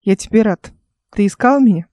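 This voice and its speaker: A woman reading the part of a cheerful, sly young man, speaking in a soft, lowered voice. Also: moderate pace, no echo, clean studio sound, lightly acted. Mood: gentle.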